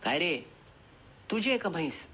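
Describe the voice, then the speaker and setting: A woman's voice: on the low side, sing-song, moderate pace, a bit bright, a little hiss or hum. A woman reading aloud voices a shrewd, confident landowner man who bargains in a commanding, emphatic way. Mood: bossy.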